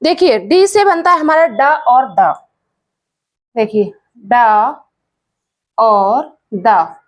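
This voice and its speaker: A woman's voice: fairly high pitch, sing-song, slow pace. A woman who teaches English pronunciation, speaking patiently, repeating words and spelling them out letter by letter. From India.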